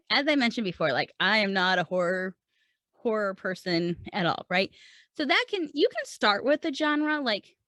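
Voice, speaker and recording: A female podcast host and writing coach delivers a casual, conversational lesson, walking through ideas step by step and asking her listeners questions she then answers herself. Her voice is medium in pitch and slightly bright, captured in a dry recording.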